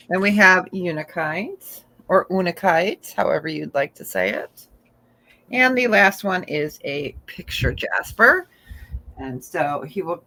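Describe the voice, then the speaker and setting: Slow-talking bright-voiced woman auction host. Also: mid-range voice, rough recording. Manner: chatty, describes items slowly, laughs often. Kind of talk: casual live sales chat.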